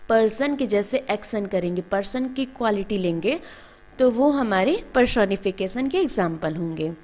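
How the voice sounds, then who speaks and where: A woman's voice: a little high, darkish tone. A woman teaches a school grammar lesson. She explains each point step by step, poses questions and answers them herself, and addresses her students fondly. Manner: calls students "beta".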